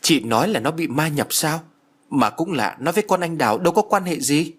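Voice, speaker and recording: A man's voice: fairly high pitch, lively intonation, fairly quick, slightly rough, pitched above the performer's own voice. A man voicing a blunt, tactless young man from the countryside in an audio story.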